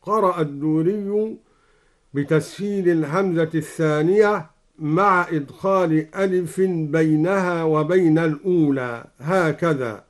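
A man from Egypt, a Quran recitation scholar, explaining reading variants in a measured voice and chanting each example melodically. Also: on the high side. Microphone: broadcast studio microphone.

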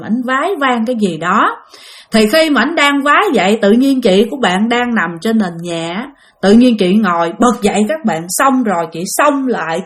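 A woman with a Southern Vietnamese accent telling a ghost story in a chatty way, often addressing her listeners directly. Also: on the high side. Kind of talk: spoken ghost story narration.

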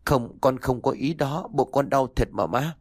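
A man's voice: mid-range voice, a little slow, dry recording, clean studio sound, voice pushed up, close to an everyday voice. A man voicing a suffering young pregnant wife in an audio story, with a plaintive, pleading manner.

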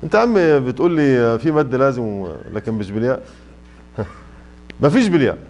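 With his pitch swinging widely, a Quran recitation teacher speaks at a quick pace in a mid-range, darkish voice, and the highs are cut off. He has an Egyptian Arabic accent and teaches tajweed in a mosque classroom, stretching out examples and testing his students.

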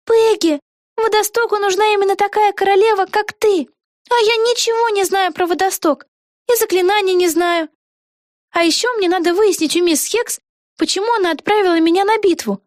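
A woman's voice: very high-pitched, moderate pace, no echo, studio quality, pitched above the performer's own voice. A woman voicing a young girl witch who insistently urges her best friend on, as in a storybook read aloud. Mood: urging. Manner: insistent, encouraging.

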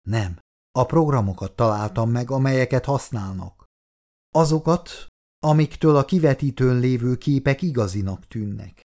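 A man reading a fragile, unstable woman in an audiobook, speaking in a hushed, low way. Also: lively intonation, lightly acted. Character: fragile, unstable woman confiding secrets to her husband.

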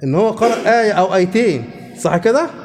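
Fast-talking Egyptian sheikh teaching. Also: male voice, high voice, lively intonation, a little mellow, long reverb tail, faint music behind. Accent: Egyptian Arabic. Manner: questions the students often. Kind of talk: religious lesson.

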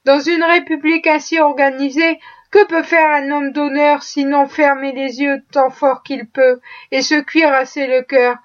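A woman reading the lines of a weary, cynical gentleman with slow, world-weary reasoning. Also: sits high, flat delivery, lo-fi sound. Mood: resigned.

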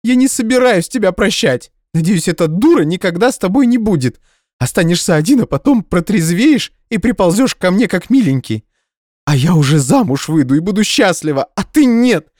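A man voicing a hysterical young woman who shouts through tears in an audiobook. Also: wildly swooping pitch, a little fast, slightly rough, dry recording, clean studio sound, exaggerated voice. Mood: furious, tearful. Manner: shrill, sobbing outbursts.

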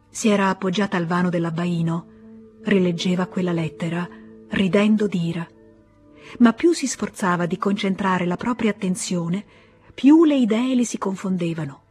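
A woman with an Italian accent reading a novel aloud as an audiobook, in a measured and dramatic way. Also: medium pitch, darkish tone, breathy edge. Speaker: audiobook reader. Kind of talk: literary audiobook narration.

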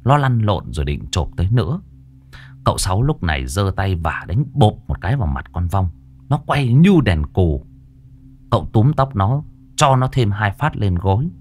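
A man narrating a ghost story in a dramatic, expressive way. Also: on the low side, normal speed.

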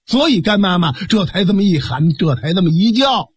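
Storyteller guy, super animated, husky high voice. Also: a little fast, no echo. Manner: animated, colloquial. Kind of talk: traditional storytelling broadcast.

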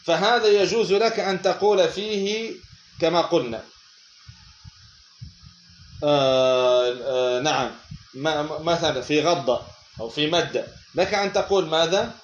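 A man giving a lesson on a grammar text, asking questions and then answering them himself, repeating words slowly. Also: a little high, reverberant, muffled recording, slight background noise. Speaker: teacher of Arabic morphology.

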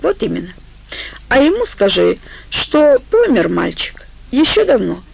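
A woman's voice: a little high, wildly swooping pitch, unhurried, gravelly, slightly rough, voice pushed up, full character voice, rough recording. A woman voicing a cunning, manipulative woman who talks in a soothing, persuasive way. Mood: coaxing.

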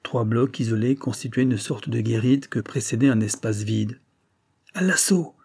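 A man reading a classic adventure novel aloud in steady, measured narration. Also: mid-range voice, gravelly, husky. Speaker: audiobook narrator. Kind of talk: scripted narration.

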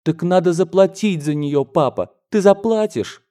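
A frightened, tearful little boy whose voice climbs high and pleads, as a male audiobook reader puts him on. The tone is warm and mellow underneath the lift. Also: expressive, measured pace. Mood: horrified. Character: young boy, anxious and tearful.

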